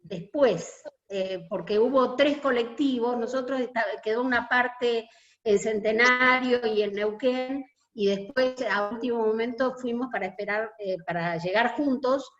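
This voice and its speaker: Argentine woman, union delegate, hesitant and earnest, fairly high voice, dull lo-fi call audio. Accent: Argentine Spanish. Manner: hesitant, many filler pauses, earnest. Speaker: union delegate recalling a protest march. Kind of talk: reminiscing testimony in an online meeting.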